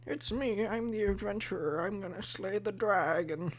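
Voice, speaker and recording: A man's voice: high voice, moderate pace, pitched above the performer's own voice. A man playing an eager young fantasy adventurer in a mock-heroic, playful way.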